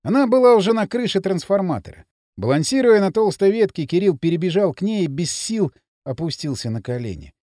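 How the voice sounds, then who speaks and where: A man narrating an audiobook with an expressive, dramatic reading. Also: high voice, a little fast, no room sound, studio quality. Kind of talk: scripted narration.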